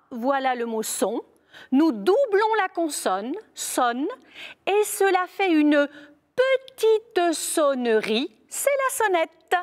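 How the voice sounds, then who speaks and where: Woman teacher, slow deliberate dictation, high expressive voice. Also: long reverb tail. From France. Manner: slow, clear dictation with emphatic repeated words. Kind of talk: spelling lesson video.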